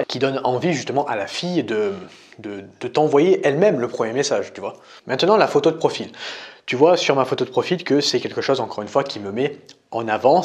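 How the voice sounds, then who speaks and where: A young man from France, a dating coach, explaining in a casual tutorial, talking straight to the listener with frequent fillers. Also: medium pitch. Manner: casual, addresses listener as tu, frequent "tu vois" and "euh". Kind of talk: screen-recorded tutorial.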